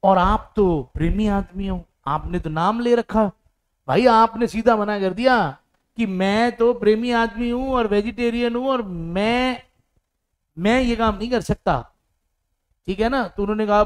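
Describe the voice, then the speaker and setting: Animated, high-voiced man teaching idioms. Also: smooth. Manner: explains with imagined stories and acted-out dialogue; reads English examples slowly, then explains fast. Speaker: English vocabulary teacher. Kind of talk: Hindi-English idiom lesson.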